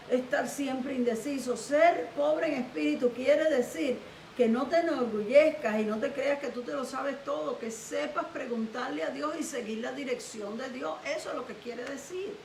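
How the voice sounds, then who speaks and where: A woman pastor telling a sermon story with lively animation. Her high voice echoes around the room, caught by a distant mic over a faint hiss.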